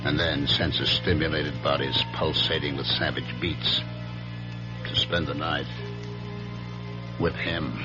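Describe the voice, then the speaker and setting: Rumbling low with little pitch movement, this actor voices a brooding, jealous husband, a weary businessman looking back on his past through first-person radio drama narration. The mood is melancholy and the pacing measured, dramatic and ruminative. It sounds like a dull vintage radio recording with dramatic music underneath.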